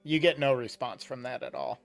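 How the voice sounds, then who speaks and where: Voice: medium pitch, fairly even intonation, a little fast, vocal fry, soft background music. A game master narrating a tabletop game in a conversational way.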